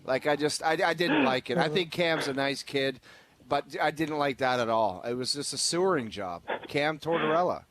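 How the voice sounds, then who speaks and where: Man, sports radio host with a higher voice, ranting and mocking. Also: moderate pace, a bit bright. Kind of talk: casual sports radio chat.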